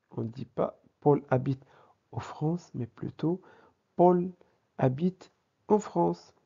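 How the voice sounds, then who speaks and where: A man with a fairly high, mellow voice and some vocal fry teaches a grammar lesson with examples. His style is didactic: he asks questions and then answers them himself. The recording sounds slightly dull.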